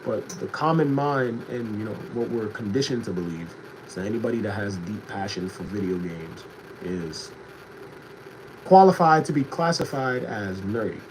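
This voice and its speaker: A young man streaming casually without a proper mic, animated one moment and low and reflective the next as he talks to his chat. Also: moderate pace. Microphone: no proper mic, built-in device mic. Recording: noisy stream audio.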